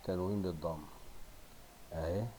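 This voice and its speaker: A male teacher with an Egyptian accent giving a primary school Arabic lesson, drawing out words slowly and praising pupils. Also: sits low, fairly even intonation, mellow, a little hiss or hum. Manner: coaxing, drawn-out word modeling with praise.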